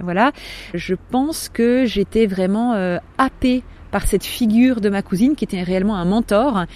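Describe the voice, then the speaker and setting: A woman in her forties tells a personal story as a podcast guest. Her voice is mellow and warm, with a pitch in the middle for a woman. She speaks hesitantly, pausing and restarting often as she searches for words. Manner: hesitant, with frequent pauses and restarts.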